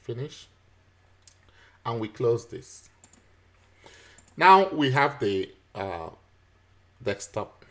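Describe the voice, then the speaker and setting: This is a man with a mid-range voice teaching software over a screen recording. He explains every step with patience, dropping in plenty of fillers and the occasional chuckle.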